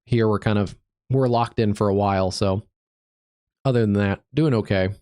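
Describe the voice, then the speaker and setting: A man hosting a live severe weather stream as a meteorologist, stuffed up from allergies, talking through the radar in an easygoing, halting way with many fillers. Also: lowish voice, dark tone, clear, resonant tone, dry recording, clean studio sound. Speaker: digital meteorologist, livestream host.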